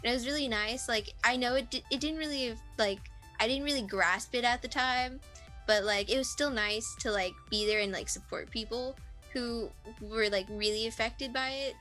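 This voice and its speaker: A woman's voice: a little high, normal speed, sharp tone, faint music behind. A nineteen-year-old woman interviewed over a video call, rambling casually with lots of fillers and self-deprecating asides.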